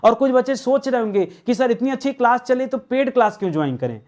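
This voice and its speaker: A man's voice: extremely high pitch, very animated, quick pace, a little mellow. A man teaching an online grammar class. He asks his viewers questions, answers them himself and repeats the key words.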